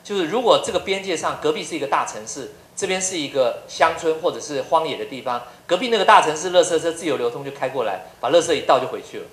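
A middle-aged professor speaks, telling funny anecdotes and asking the room one rhetorical question after another. His fairly high voice swings widely in pitch as he talks. The sound carries the echo of a roomy lecture hall. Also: lively intonation, fast, hardly any pauses, a bit bright. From Taiwan. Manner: humorous storyteller, many rhetorical questions. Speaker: university professor giving a public lecture.

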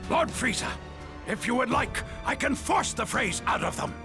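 An actor playing a loyal, fawning alien soldier captain in an anime game, with a gravelly voice. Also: male voice, very high voice, lively intonation, normal speed, over music, heavily acted. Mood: eager, devoted. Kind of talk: anime game dub acting.

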